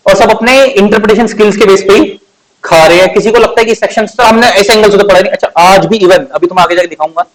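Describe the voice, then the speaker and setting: A man's voice: sits high, rough recording. A man, teaching law in a chatty lecture and asking the class questions. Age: 20s. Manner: conversational, asks rhetorical questions, stretches key words.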